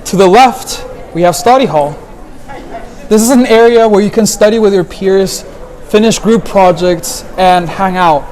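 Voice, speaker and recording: Young male student guide from Guatemala, high pitch. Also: unhurried, darkish tone, a faint crowd, a little hiss or hum, poor audio. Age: young adult.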